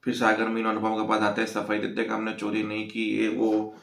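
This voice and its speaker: A man's voice: lowish voice, monotone, fairly quick, gravelly, fairly bright tone, reverberant. A man casually recapping a TV serial episode, telling the story and briefly acting out the characters' lines.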